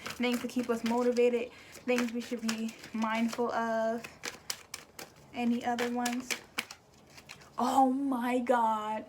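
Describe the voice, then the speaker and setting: A woman's voice: on the high side, little pitch movement, slow, long pauses, background noise. A young woman giving a casual spiritual card reading, chatty, repeating words and swearing offhandedly. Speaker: tarot and oracle card reader.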